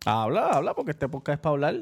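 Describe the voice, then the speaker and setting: A man's voice: a little high, sing-song, very fast. A man with a Puerto Rican accent hosting a podcast, chatting casually in a bossy, teasing way and swearing freely. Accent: Puerto Rican Spanish. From Puerto Rico. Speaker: podcast host. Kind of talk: casual chat.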